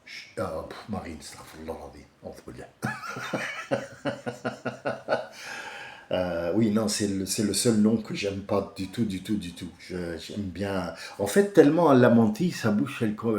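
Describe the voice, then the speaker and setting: A man giving an informal religious commentary, passionate and digressive, swinging from soft musing to loud ranting. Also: on the low side, reverberant. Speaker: religious speaker.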